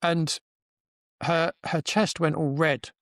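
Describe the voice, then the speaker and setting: A man's voice: on the high side, level tone, slow, a bit bright, no room sound, clean studio sound. A man hosting a podcast, telling a story casually and acting out the quoted dialogue, with frequent restarts. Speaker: podcast host.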